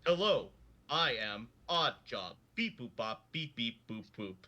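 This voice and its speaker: A man voicing a malfunctioning robot in a slow, flat robot voice, droning status readouts during a tabletop game. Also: medium pitch. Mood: robotic.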